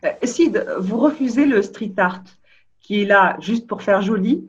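Female interviewer, probing and direct, medium pitch, dull lo-fi recording. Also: measured pace. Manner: pointed, probing. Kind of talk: interview questions. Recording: dull lo-fi sound.

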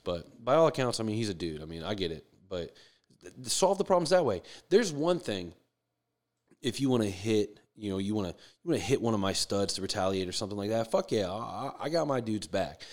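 A man's voice: fairly low pitch, big pitch swings, a little fast. A man ranting about baseball in a heated, profane, swaggering way, swearing freely. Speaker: sports commentator. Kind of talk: profane sports rant.

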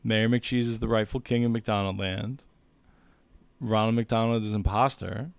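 Gravelly dude rambling on a podcast, dry close sound, deadpan jokes. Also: male voice, on the low side, moderate pace, dry recording. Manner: rambling, jokey, deadpan asides. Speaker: podcast co-host. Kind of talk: casual chat.

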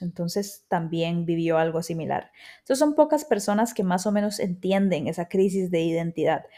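A Costa Rican woman in her thirties hosts a podcast, delivering a reflective, chatty personal monologue in her native accent. Her voice is fairly low and dark, and she often drops in quoted asides.

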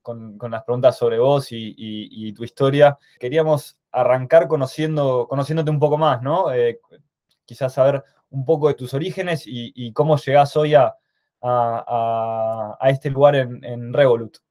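A man's voice: mid-range voice, steady tone, normal speed, a little mellow. A man with an Argentine accent hosting a podcast interview, asking questions hesitantly with many restarts. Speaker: podcast host.

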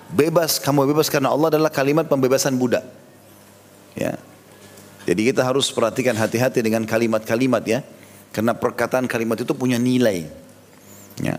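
A man giving a sermon, retelling a story with lively acted quotes and light jokes. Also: medium pitch, in a large hall. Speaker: preacher.

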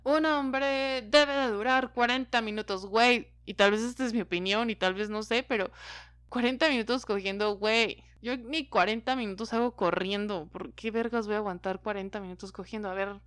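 Mexican woman chatting to her viewers, blunt and sweary, clean smooth voice, dry close sound. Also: medium pitch, normal speed, fairly bright tone, no echo. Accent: Mexican Spanish. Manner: frank and profane, laughing often. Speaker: vlogger. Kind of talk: casual monologue to viewers.

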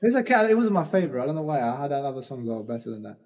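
Fast-talking husky young-sounding man. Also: mid-range voice, sing-song, a little mellow, in a large hall. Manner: quick, enthusiastic, repeats words. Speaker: podcast co-host. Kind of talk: casual music review chat.

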